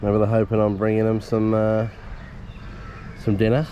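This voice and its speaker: A man's voice: lowish voice, monotone, normal speed, muffled recording. A man giving chatty, appreciative casual vlog commentary as he goes around outdoors. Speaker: vlogger. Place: outdoors at a theme park zoo. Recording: noisy outdoor recording with vehicle sounds. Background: loud outdoor ambience.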